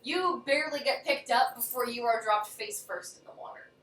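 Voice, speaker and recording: A woman narrating a tabletop game on a live stream as its game master. Her voice is high and bright, and it swings widely in pitch. She sounds distant from the mic in an echoey room. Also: normal speed, a little hiss or hum. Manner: lively, laughs often, restarts and stammers.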